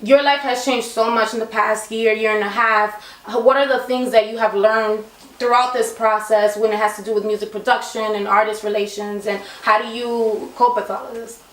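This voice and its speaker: A woman's voice: a little high, steady tone, moderate pace, roomy sound, poor audio. A woman interviewing a singer in a studio, upbeat, often saying "like". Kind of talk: interview questions. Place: recording studio.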